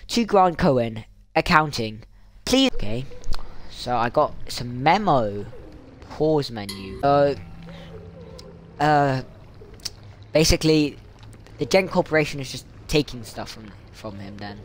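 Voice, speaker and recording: A man playing a video game, reacting with loud excited exclamations as he comments. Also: medium pitch, takes it slowly, long pauses, a little hiss or hum. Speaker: gamer. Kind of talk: let's play commentary. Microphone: headphones, at home in the dark.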